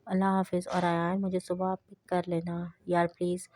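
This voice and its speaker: A woman reading the lines of a friendly young woman in an audiobook novel, in a flat, even voice. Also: fairly low pitch, lightly acted.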